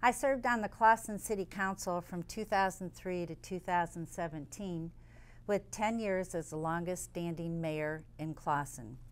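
A woman's voice: lowish voice, fairly even intonation, unhurried, clean tone. A woman candidate giving a formal introduction at a forum, listing her credentials. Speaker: candidate, former mayor. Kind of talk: campaign forum statement.

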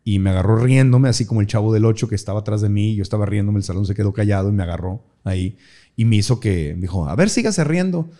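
A middle-aged Mexican man with a Mexican accent, a guest in a casual interview who tells lively stories and mimics people. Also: on the low side, fast talker. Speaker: guest, speaker.

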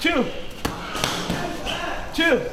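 A male boxing coach calling out punch combos in short clipped commands with brief encouragement, recorded in an open gym. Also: drawn-out words. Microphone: camera mic a few metres away. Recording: echoey open gym, loud background noise.

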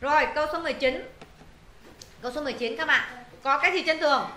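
A woman's voice: high-pitched, fast, bright, forceful tone, echoey room. A woman English teacher, walking students through exam answers, repeating words and checking they follow. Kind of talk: exam answer walkthrough lesson.

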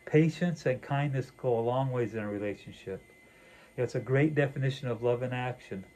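A man's voice: medium pitch, normal speed, darkish tone, poor audio. Older man, earnest conversational preacher. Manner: earnest, reflective, with fillers and frequent "you know". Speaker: pastor. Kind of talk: conversational sermon dialogue. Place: small wood-paneled room indoors.

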